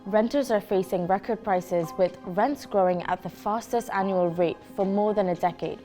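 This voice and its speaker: A woman's voice: mid-range voice, normal speed, warm tone, soft background music. A woman delivering scripted news narration as a reporter.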